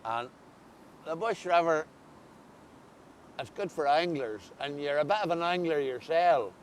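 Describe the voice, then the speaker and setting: Male interviewer, Ulster accent, slightly high voice, conversational, outdoors, faint rumbling background noise. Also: a little slow. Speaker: interviewer, host. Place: outdoors beside a river.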